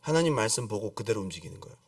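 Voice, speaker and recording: A middle-aged man preaching a lively sermon as a pastor, acting out pleading prayers and calling on the congregation to repeat after him. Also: fairly low pitch, very fast, no room sound, far from the mic. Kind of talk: lively Friday-service sermon. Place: church sanctuary.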